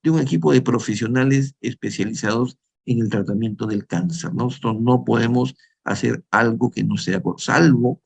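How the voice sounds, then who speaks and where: Gravelly-voiced older man lecturing. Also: mid-range voice, normal speed, few pauses. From Peru. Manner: conversational, frequent tag questions, restarts. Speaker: dental lecturer. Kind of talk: lecture with slides.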